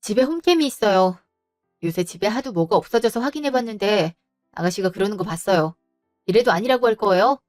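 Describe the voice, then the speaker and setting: A woman's voice: medium pitch, expressive, darkish tone, no echo, studio quality, faint music behind, lightly acted. A woman playing a wronged daughter-in-law who speaks politely but firmly to her in-laws. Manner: polite but firm, measured.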